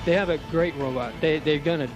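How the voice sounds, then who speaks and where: A man's voice: on the high side, fairly quick, music in the background. A man speaking as a competitor in a casual, plain-spoken post-match interview.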